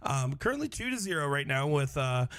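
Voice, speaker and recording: A man gives casual live updates as a darts commentator. His voice is slightly high, and the sound is dry with little room echo. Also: sing-song, a little fast, a bit bright, clean tone.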